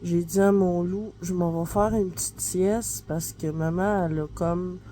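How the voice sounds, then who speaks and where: A woman's voice: on the low side, steady tone, unhurried, mellow, soft background music. A woman with a Québécois accent chatting casually in a home vlog, rambling along with lots of fillers and talking through a stuffy nose. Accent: Québécois French. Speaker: vlogger and mom. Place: at home, kitchen then in bed. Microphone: handheld phone camera, no tripod.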